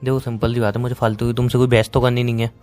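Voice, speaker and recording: Speaking with an Indian accent, a man plays a bitter young boyfriend, fed up with his girlfriend, in a phone-call romance drama, firing off rapid, sarcastic, dismissive lines in a cold mood. His mid-range voice is flat and a little mellow, natural-sounding, with faint music in the background.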